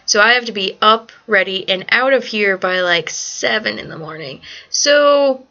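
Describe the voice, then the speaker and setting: A woman's voice: mid-range voice, a little slow, bright, forceful tone, dull audio. A young woman rambling through a survey in a casual vlog, cursing often, blunt and ranty, with lots of "like" fillers, groggy late at night. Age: young adult. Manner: valley-girl fillers like "like". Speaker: vlogger answering a survey.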